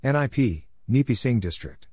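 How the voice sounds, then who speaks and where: This Morse code practice instructor speaks at normal speed in a medium-pitched, animated, slightly mellow voice, with a little hiss or hum present. He follows a script, spelling codes and place names letter by letter in brief, isolated phrases.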